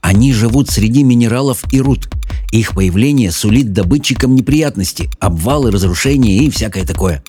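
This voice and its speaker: A man's voice: fairly low pitch, lively intonation, moderate pace, mellow, soft background music, close to an everyday voice. A man voicing a polite, determined young boy in a storybook reading. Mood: earnest.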